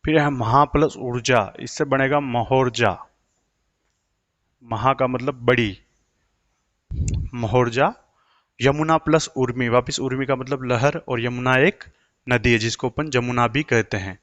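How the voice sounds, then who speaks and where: A man's voice: medium pitch, fairly even intonation, measured pace, long pauses, a bit bright, dry recording. A man teaching an exam-prep grammar lesson, asking questions and answering them himself.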